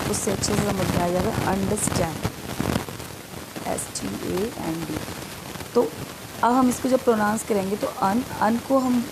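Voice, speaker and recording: Indian lady teacher going over exam questions, bit of fry in her voice, reads the english bits real slow. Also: mid-range voice, heavy background noise. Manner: explains step by step, reads English questions slowly. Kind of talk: exam-prep lecture.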